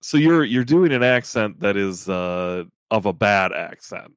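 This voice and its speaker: A man's voice: on the low side, expressive, a little slow, smooth, dry recording, clean studio sound. A man chatting casually on a podcast in a laid-back way.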